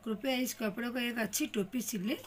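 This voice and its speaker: A woman's voice: on the high side, normal speed, a little hiss or hum, lightly acted. A woman teacher voicing a cheeky, clever little male mouse in a children's story. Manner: demanding, sing-song taunts.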